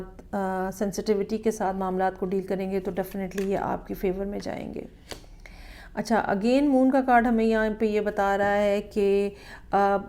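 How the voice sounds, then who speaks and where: Calm, flat-voiced tarot reader woman. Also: mid-range voice. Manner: measured, explanatory, checks in with "ठीक है". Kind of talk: weekly tarot horoscope reading.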